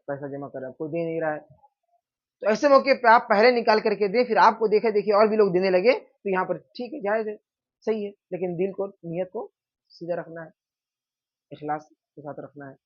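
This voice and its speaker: A man teaching an informal religion class, asking questions and answering them himself, often checking in with his listeners. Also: fairly high pitch. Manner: conversational, checks in with "theek hai". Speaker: Islamic teacher. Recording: dull lo-fi sound.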